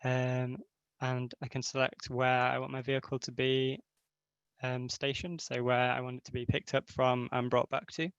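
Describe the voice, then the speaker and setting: Gravelly-voiced man demoing on a video call. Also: medium pitch, moderate pace, no room sound. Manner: relaxed, with many fillers. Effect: voice heard over a video call while sharing his screen. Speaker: hackathon team member giving a demo. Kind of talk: casual software demo. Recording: dull, dry video call audio.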